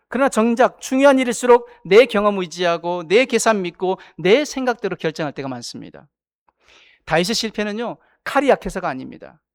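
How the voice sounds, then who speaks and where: A man's voice: high-pitched, dry recording, clean studio sound. A man preaching a sermon as pastor, speaking in repeated parallel phrases and putting questions to the congregation. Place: church sanctuary.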